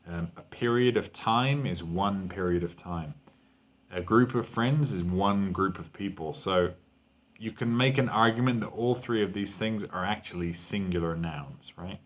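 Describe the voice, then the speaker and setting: A man's voice: deep voice, a little slow. A man teaching a grammar lesson to Spanish speakers, explaining patiently and checking in with "okay?" and "right?". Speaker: English teacher.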